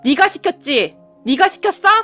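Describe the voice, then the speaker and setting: A woman voicing a furious, snobbish middle-aged mother who shouts with contempt. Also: sits high, animated, a little fast, soft background music. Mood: angry, scornful.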